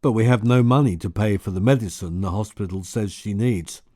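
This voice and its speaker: A man's voice: on the low side, a little fast, darkish tone, no echo, studio quality, close to an everyday voice. A man voicing a rude, blunt middle-aged laborer in an audiobook. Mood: gruff. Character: gruff, rude middle-aged male plantation worker.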